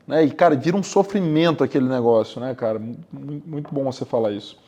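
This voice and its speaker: Speaking fast in a warm, medium-pitched voice, a Brazilian man hosts a casual podcast interview. He often stumbles and repeats words while asking things.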